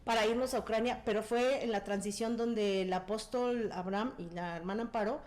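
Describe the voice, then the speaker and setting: A woman's voice: medium pitch, a little fast. A woman, telling a personal story as a guest and acting out the dialogue. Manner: animated storyteller, acts out quoted dialogue. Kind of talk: casual testimony.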